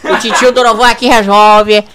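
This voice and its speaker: Woman doing a lower, drawling, lazy tech guy for a homemade comedy radio sketch. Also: flat delivery, normal speed, a crowd in the background, lightly acted. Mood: reassuring. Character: laid-back male tech guy, lazy, bumbling.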